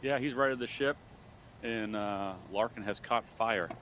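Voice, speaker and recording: A man's voice: on the low side, unhurried, fairly bright tone, slight background noise. A man giving casual live golf commentary as an analyst.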